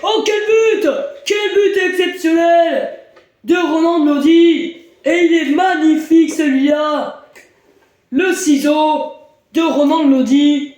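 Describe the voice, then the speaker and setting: Male amateur-booth football commentator, excited delivery, slow stretched phrasing, very high voice, shouting on big moments. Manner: shouts and draws out words on big moments, hesitant between them. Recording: very echoey room.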